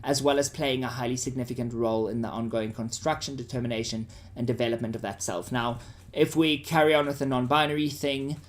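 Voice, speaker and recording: Talking a little fast in a steady, mid-range voice, a man with a South African accent teaches students in a casual, conversational manner. He often stops to make sure his listeners are following.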